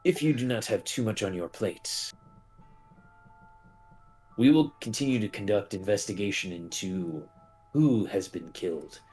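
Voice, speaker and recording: A man playing a weary, conflicted town official in a tabletop game, speaking in a halting, formal and resigned way. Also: fairly low pitch, darkish tone, breathy edge, soft background music. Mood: resolute, formal.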